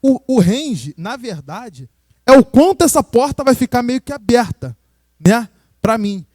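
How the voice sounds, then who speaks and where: A man's voice: very high voice, big pitch swings, measured pace, darkish tone, no echo, clean studio sound. A Brazilian man teaching a live sound-engineering class, explaining casually and checking in with his listeners. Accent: Brazilian Portuguese. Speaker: sound course instructor. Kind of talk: live hands-on demonstration lesson. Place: room with a live audience and a sound system.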